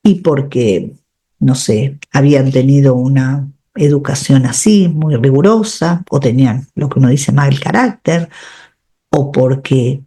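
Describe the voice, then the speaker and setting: Speaking unhurriedly in an extremely low, dark voice, this middle-aged radio host and coach guides listeners step by step through personal growth. She reflects as she goes and keeps checking in with tag questions.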